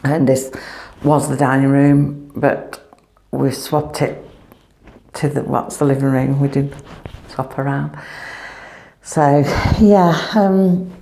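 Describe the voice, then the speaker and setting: A woman's voice: sits low, creaky, mellow. Chatty woman in an echoey empty room. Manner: rambling, chatty, loses her words. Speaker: family vlogger. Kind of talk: casual vlog chat. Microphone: clip-on microphone.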